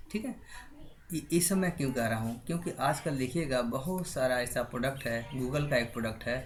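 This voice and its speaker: A man's voice: medium pitch, a little hiss or hum. A man giving a spoken lesson to students, spelling words out letter by letter and often checking in with a rising "right?". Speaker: teacher.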